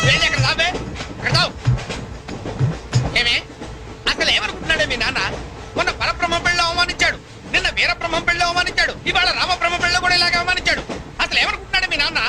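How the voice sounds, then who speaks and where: An actor playing a boastful husband who scolds his wife without pause in a comedy film scene. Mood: irritated. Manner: shrill, frantic, scolding nonstop. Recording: film scene under loud music.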